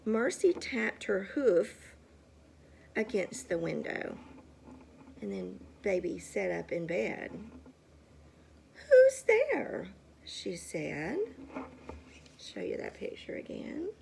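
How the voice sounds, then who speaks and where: A woman's voice: mid-range voice, animated, slow, gravelly, pauses often, darkish tone, slight background noise. A woman reading a storybook aloud to a child at home, with chatty asides and questions. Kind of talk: casual storytime read-aloud.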